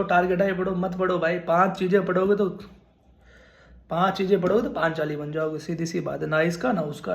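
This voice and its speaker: A man in his twenties with a voice that sits high gives a relaxed, heartfelt talk to camera about studying for the nursing exam, circling back over his points. The audio sounds roomy, and he keeps calling listeners "brother."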